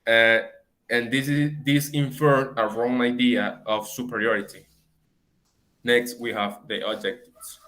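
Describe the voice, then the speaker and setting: A young man giving a class presentation, pausing often with fillers as he reads. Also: medium pitch, fairly even intonation, pushed and bright, rough recording. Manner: hesitant, frequent fillers. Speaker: student presenter.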